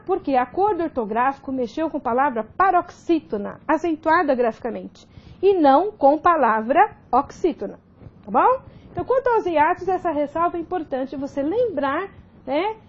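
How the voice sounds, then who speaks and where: A woman's voice: sits high, a little mellow, muffled recording. A Brazilian woman teaching a recorded grammar lesson, explaining step by step and often checking in with tag questions. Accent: Brazilian Portuguese.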